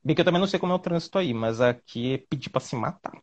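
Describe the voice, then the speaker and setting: A man from Brazil, a lawyer guest, chatting casually over a video call in an animated, rambling way with quick asides. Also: fairly high pitch.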